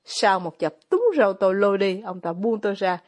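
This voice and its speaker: A woman reading as a poor, bitter older male ex-officer with quiet irony, in an audiobook. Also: mid-range voice, steady tone, brisk, natural voice. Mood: bitter, ironic.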